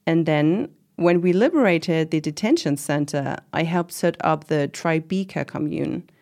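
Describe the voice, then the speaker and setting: A woman with a low, dark, unhurried voice acts in an oral-history interview drama as a proud, middle-aged commune organizer. She talks casually and candidly, reflective and a little wry.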